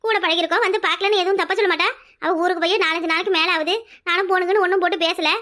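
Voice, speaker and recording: A woman's voice: very high-pitched, fairly even intonation, racing, bright, forceful tone. A woman voicing a young village daughter-in-law in a cartoon, arguing back with a Kanyakumari Tamil accent. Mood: pleading. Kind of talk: cartoon voice acting.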